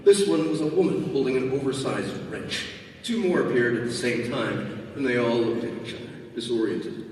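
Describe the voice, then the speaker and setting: A man narrating an audiobook live at a convention, expressive and often laughing, recorded in a large hall from a distance. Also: medium pitch, normal speed, slight background noise. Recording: roomy hall, distant mic.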